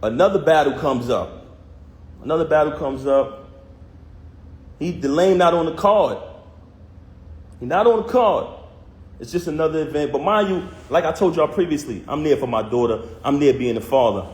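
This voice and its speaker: Telling viewers about a personal conflict, this man, a vlogger, speaks in heated, casual first person loaded with street slang and emphasis. His fairly high, darkish voice is expressive and moderately paced, with frequent pauses, and the room adds echo.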